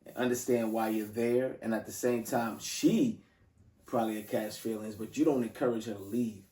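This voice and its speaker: A man's voice: fairly low pitch, steady tone, moderate pace, dark tone, recorded from a distance. A man hosting a casual podcast chat, loose and slangy, often restarting his sentences. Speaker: podcast host. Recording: roomy sound from off mic.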